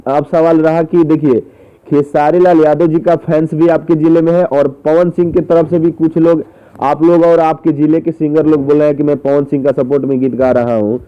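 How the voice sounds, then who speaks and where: A slightly high, clean-toned male voice with little pitch movement presses someone with questions at normal speed, repeating his phrases. It's a recorded phone interview, and the call audio comes through muffled and dull.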